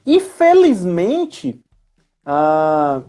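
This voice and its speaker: His pitch swoops wildly and he draws out his words in a high-sitting, dark voice. He's a thirtysomething history teacher and educational coordinator from Ceará with a Northeastern Brazilian accent, guesting on a casual live chat, explaining things chattily and often seeking agreement through tag questions.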